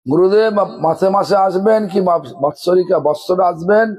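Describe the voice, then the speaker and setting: Husky high-voiced man preaching, scolding. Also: moderate pace, darkish tone, poor audio. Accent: Bengali. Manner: scolding, asks the audience many rhetorical questions. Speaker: guru giving a religious discourse. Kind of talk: sermon.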